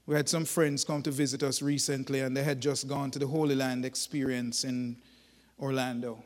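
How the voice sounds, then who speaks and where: A man preaching a sermon, telling folksy stories in an animated, emphatic way. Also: medium pitch, normal speed, big-room sound.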